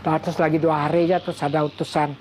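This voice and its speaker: A man's voice: fairly high pitch, level tone, racing, a little mellow, slight background noise. An older man from Bali, telling a personal story in an interview and acting out the voices and counts of others. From Bali, Indonesia.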